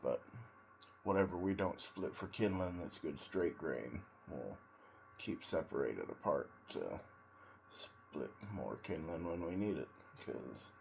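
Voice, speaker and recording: A man sitting in ice cold water, giving a casual, rambling monologue in a halting way with long pauses between short phrases. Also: deep voice, animated, vocal fry, a little mellow, slight background noise. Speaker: vlogger, tradesman in auto body and paint.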